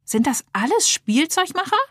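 A curious, excitable girl full of questions in a storybook, voiced by a woman narrator. She speaks high and eager. Close, dry sound. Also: normal speed, dry recording. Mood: excited. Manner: excited, bright.

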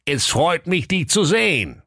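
Brief: boastful cheeky little hero, bright high voice, dry sound, put on by a man. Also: big pitch swings, unhurried, slightly rough, no room sound, full character voice. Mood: cocky. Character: cocky naive male web designer hero. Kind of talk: comic fairy-tale reading.

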